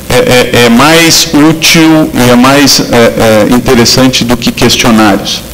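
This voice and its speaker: A man's voice: mid-range voice, a bit bright, in a large hall, slight background noise, poor audio. A man from southern Brazil giving an academic law lecture, speaking with frequent fillers and restarts. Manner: hesitant, many fillers and restarts.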